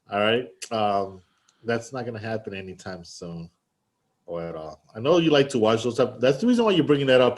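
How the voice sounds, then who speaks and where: A man co-hosting a casual podcast over a remote call, teasing his partner and laughing a lot. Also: on the low side. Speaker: podcast co-host. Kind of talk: casual banter. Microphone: headphones, remote call.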